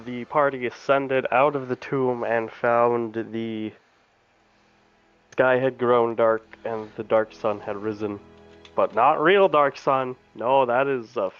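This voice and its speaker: A man's voice: mid-range voice, smooth. A man recapping and narrating a tabletop game as game master, casual and profane. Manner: casual, profane, laughs mid-sentence. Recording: dull lo-fi audio, faint music.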